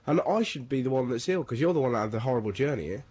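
A man hosting a radio show, a bit ill, teasing his co-host in quick jokey banter. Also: mid-range voice, animated, a little mellow, husky, no echo.

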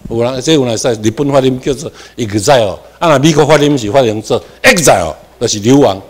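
A man with a Taiwanese accent giving a classroom lecture, moving between Hokkien and Mandarin, dropping in English terms and asking himself questions as he goes. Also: fast talker. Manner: animated, with sudden rises in pitch and volume for emphasis. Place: lecture room.

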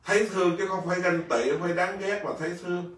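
A man who is a Buddhist monk, telling a story in a lively dharma talk, laughing often and acting out the figures. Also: high-pitched, quick pace. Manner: lively, laughing, acts out a king and a soldier. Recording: echoey room, voice from a distance.

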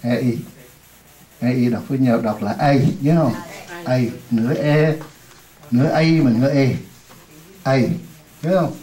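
A man teaching an English lesson in Vietnamese, repeating words slowly for a class to echo and adding chatty, joking asides. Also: mid-range voice, steady tone, warm tone. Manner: drills words slowly, many times over, for the class to repeat.

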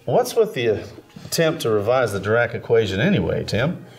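An actor playing a knowing physicist colleague in a film drama, speaking in a gently teasing way. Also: male voice, medium pitch, sing-song, moderate pace. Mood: wry.

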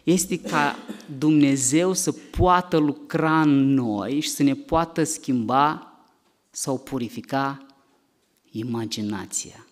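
A middle-aged man, a doctor, giving a lively health lecture to a church congregation, asking the audience questions and acting out cries. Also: medium pitch. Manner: animated, asks the audience questions, acts out cries.

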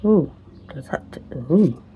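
Woman, lowish voice, unhurried, chatty muttering, faint background noise. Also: lively intonation, dark tone. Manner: chatty, thinks aloud, self-deprecating, slips into whispers. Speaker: resin crafter. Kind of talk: casual crafting commentary.

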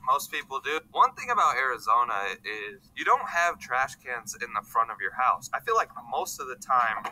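A man's voice: medium pitch, big pitch swings, moderate pace, sharp tone, poor audio. A man doing casual vlog talk to the camera, rambling and joking, calling people "bro". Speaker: vlogger.

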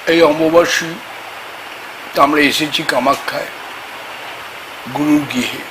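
A man, a tantric astrologer, talking slowly and haltingly about faith at a temple, with sudden loud emphatic bursts. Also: fairly high pitch, background noise. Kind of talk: spoken religious talk to camera. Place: temple grounds, outdoors.

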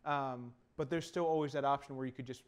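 Seated in a small TV studio, this co-host in his twenties talks quickly in a medium-pitched, steady voice, offering his views in a laid-back chat about video games.

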